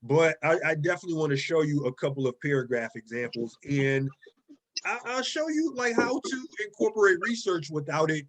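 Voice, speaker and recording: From his desk, a man with a somewhat high, fairly bright voice teaches a college writing class over a video call, speaking briskly with lively intonation. His casual lecture is loose and conversational, full of "okay?" and "right?" and repeated words as he hunts for the next phrase.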